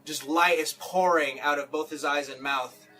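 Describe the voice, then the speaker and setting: A man narrating as dungeon master, describing the action in vivid, quick detail. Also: on the high side, fairly even intonation, pushed and bright. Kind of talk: narrating a tabletop game. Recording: distant mic with music behind.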